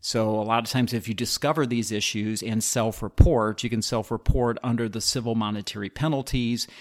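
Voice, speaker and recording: A man with a somewhat low voice hosts a solo podcast. He works through legal points in a methodical, explanatory way and sometimes restarts a phrase. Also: steady tone, brisk. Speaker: podcast host, healthcare attorney.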